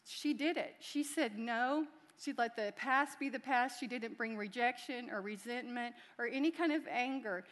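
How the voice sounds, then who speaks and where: A middle-aged woman, the pastor's wife, speaking to a congregation in a chatty, heartfelt way. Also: fairly high pitch. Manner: chatty, warm, laughing, heartfelt. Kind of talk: church talk. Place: large church. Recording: long hall reverb.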